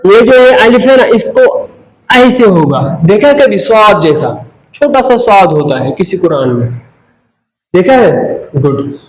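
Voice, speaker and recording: A man's voice: sits high, animated, a little slow. A man teaching an Arabic class at a whiteboard. He mixes English phrases into his explanation and often asks the class questions, then answers them himself. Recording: echoey classroom with faint background noise.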